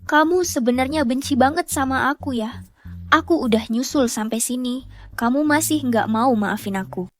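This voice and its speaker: A woman's voice: sits high, moderate pace, no echo, lightly acted. A woman dubbing a desperate, unhinged young ex-wife who swings between shrieking threats and begging. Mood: wounded. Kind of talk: Indonesian drama dub.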